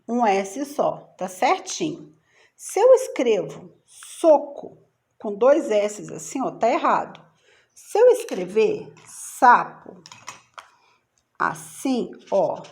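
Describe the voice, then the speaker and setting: Brazilian lady teacher, slow and sing-songy, explaining spelling to little kids. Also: a little high. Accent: Brazilian Portuguese. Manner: patient, sing-song teacher talk to young children. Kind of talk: children's spelling lesson.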